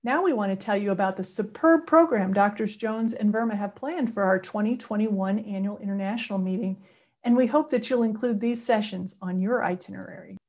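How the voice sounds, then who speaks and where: A middle-aged woman giving a scripted, measured promotional address as a society representative. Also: mid-range voice, a little mellow. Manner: measured, formal delivery. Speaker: society representative introducing a symposium. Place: indoors, before a virtual backdrop. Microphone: head-and-shoulders webcam framing.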